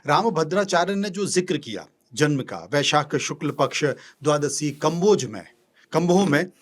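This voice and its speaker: A man's voice: on the high side, lively intonation, normal speed. A man interviewing a guest on a podcast, asking probing questions and giving frequent listening hums.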